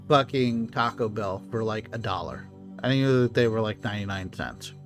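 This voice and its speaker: A man co-hosting a casual podcast, ranting profanely and reading chat messages aloud. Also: mid-range voice. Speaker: podcast co-host.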